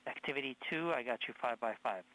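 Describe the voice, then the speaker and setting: Man, medium pitch, flight director, procedural comms, short formal calls. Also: fast talker, sharp tone, low-quality recording. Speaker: flight director running a poll.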